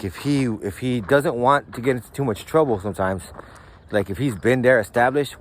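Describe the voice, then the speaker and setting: The host is a man of medium pitch whose casual storytelling is slangy and full of profanity, peppered with "like" and "right?". A little hiss or hum sits under the audio.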